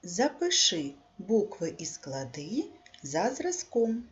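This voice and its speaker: A woman teaching a primary school handwriting lesson, dictating slowly and clearly and stressing the syllables. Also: medium pitch, huge pitch swings, lo-fi sound. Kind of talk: scripted classroom lesson narration.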